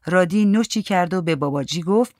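A man's voice: sits high, a little mellow, no room sound. Man reading a story, dry sound. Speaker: narrator.

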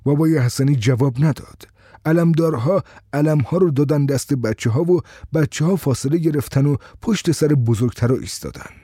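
A man reading a first-person story in a steady, conversational storytelling way. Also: a little high, breathy edge, dry recording, clean studio sound.

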